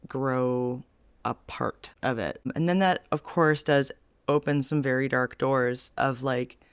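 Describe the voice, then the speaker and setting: A woman co-hosts a casual podcast, spinning long, animated explanations. Her voice is smooth and clear, recorded close with a dry sound. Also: rumbling low, takes it slowly, no room sound. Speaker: podcast co-host. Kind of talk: casual chat.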